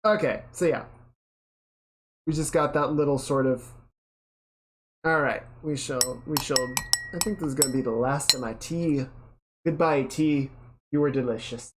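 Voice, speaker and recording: Low-voiced woman streamer, slow and relaxed, talking through her drawing. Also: noisy background. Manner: relaxed, mutters while working. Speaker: art streamer. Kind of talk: casual chat while drawing.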